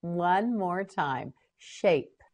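A woman teaching pronunciation, slowly saying single words again and again with short prompts for the learner to repeat. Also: fairly low pitch, expressive, a little mellow. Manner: repeats each word several times, short prompts to repeat. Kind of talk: slow word-by-word drill for learners.

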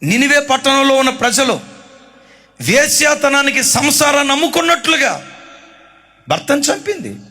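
Male preacher, sermon delivery, high bright voice, dramatic storytelling with shouted peaks. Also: sing-song, moderate pace, long pauses. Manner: dramatic storytelling, acting out pleading and confessions, rising to shouts.

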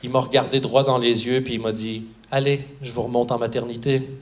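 A man's voice: medium pitch, little pitch movement, brisk. A man performing a stand-up set on a theatre stage, telling a story and acting out the people in it. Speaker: stand-up comedian. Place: theatre stage before a live audience.

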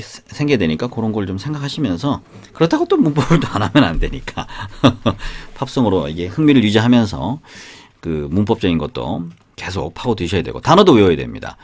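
A man's voice: sits low, darkish tone. A man teaching English in a casual, chatty way, often asking rhetorical questions and repeating phrases. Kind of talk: casual spoken English lesson with sung examples. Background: guitar.

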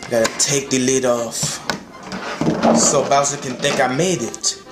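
A man's voice: mid-range voice, steady tone, unhurried, close to an everyday voice. A man voicing a bumbling, hot-tempered chef who whines and swears. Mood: flustered. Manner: whiny, swearing, flustered. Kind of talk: puppet comedy skit acting. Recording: roomy echo, faint music.

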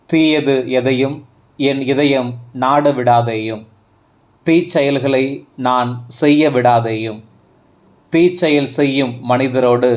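A man reading psalms aloud in a calm, reverent, evenly paced scripture reading. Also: medium pitch. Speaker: scripture reader. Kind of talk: slow, measured scripture reading.

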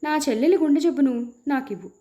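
Desperate young husband, as a woman reads him, higher voice, mellow, pleading, anguished, storybook. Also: expressive, quick pace. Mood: desperate prayer.

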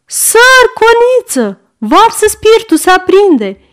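A woman voicing a hoarse, fretful old woman servant who calls out anxiously from the next room in a storybook reading. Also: very animated. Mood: alarmed. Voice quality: hoarse, shrill. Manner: calling out anxiously from another room.

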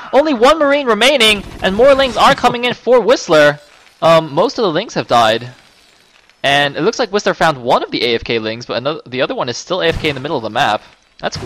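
A man casting a live strategy game match, getting louder and higher as the fights heat up. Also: a little hiss or hum, low-quality recording. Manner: excitable, voice rises with the action. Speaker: esports caster.

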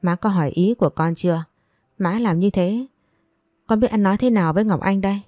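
A woman's voice: mid-range voice, a little fast, warm tone, no room sound, clean studio sound, lightly acted. A woman voicing an angry young man, the son of a rich house, talking in an indignant, pressing way.

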